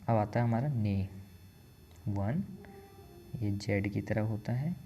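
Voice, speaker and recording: Male teacher, slow and gravelly, patient step-by-step delivery, counts strokes aloud. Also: lowish voice, highs cut off, a little hiss or hum. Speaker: language teacher. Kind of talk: step-by-step writing lesson.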